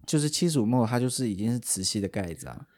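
A man's voice: medium pitch, animated, quick pace, darkish tone. A man with a Taiwanese Mandarin accent, a podcast host in casual chat who explains at length and often restarts his sentences.

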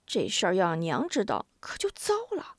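A woman's voice: fairly low pitch, huge pitch swings, normal speed, no echo. An eager young village boy from a storybook, coaxing and pleading in a bouncy voice that rises and falls a lot, as a woman puts him on. The recording is dry and close.

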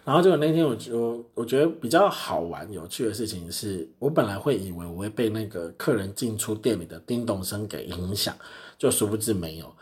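Chatty young man with low voice. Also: expressive, brisk, a little mellow. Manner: chatty, self-mocking, laughs often. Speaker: podcast host. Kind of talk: casual solo storytelling.

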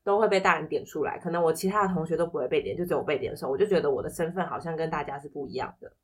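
Lower-pitched woman, Taiwanese Mandarin accent. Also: very fast, husky. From Taipei, Taiwan. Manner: reflective, explanatory, quotes others in anecdotes. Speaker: podcast guest. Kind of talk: casual personal storytelling in an interview.

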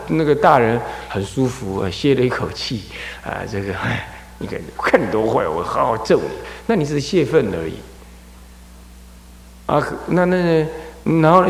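A Buddhist abbot delivers a dharma lecture, his gravelly voice swinging widely up and down in pitch. He animates his points by acting out parents and children. The talk rings through an echoey hall with a long, trailing reverb. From Taiwan. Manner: animated, acts out scolding parents and crying children.

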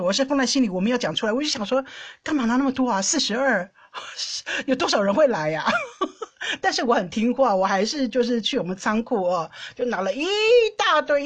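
A woman with a somewhat husky, slightly high voice hosts a casual storytelling monologue. Her pitch swings widely as she talks, and she often repeats words and restarts her sentences. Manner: animated, laughs often while telling stories. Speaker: podcast host. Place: lives in the Netherlands.

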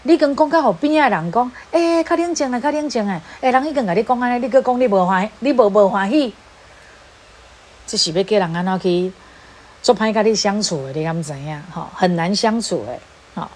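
A woman's voice: mid-range voice, animated, a little fast. A woman with a Taiwanese accent giving an informal talk, slipping Hokkien phrases into her Mandarin. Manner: mixes Hokkien phrases into Mandarin, acts out quoted speech. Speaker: speaker on relationships. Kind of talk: informal lecture.

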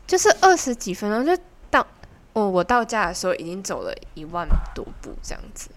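A woman's voice: medium pitch, fairly quick, slight background noise. Chatty young Taiwanese woman telling a story. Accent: Taiwanese Mandarin. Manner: animated, chatty, giggly storytelling. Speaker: podcast host. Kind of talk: casual storytelling chat.

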